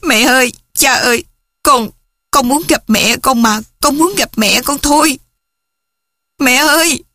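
A woman's voice: a little high, a little slow, dry recording, clean studio sound, voice pushed up. A woman voicing a frightened young girl who cries out and sobs for her mother. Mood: anguished. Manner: wailing, sobbing cries.

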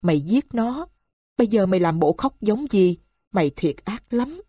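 A woman's voice: medium pitch, sing-song, normal speed, mellow, husky, no echo, clean studio sound. A woman voicing a bitter aunt who scolds and accuses with scorn.

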